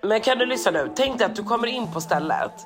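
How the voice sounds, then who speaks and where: Woman rambling through a wild story on a podcast, acts out what everyone said, lots of fillers, faint music in the back. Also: mid-range voice. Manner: animated storyteller who acts out what people said, with heavy filler words. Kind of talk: casual chat, storytelling.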